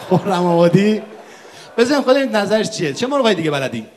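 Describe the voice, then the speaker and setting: A man's voice: high voice, big pitch swings, slight background noise. A man hosting a comedy sketch on stage, playing the exasperated straight man. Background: live audience.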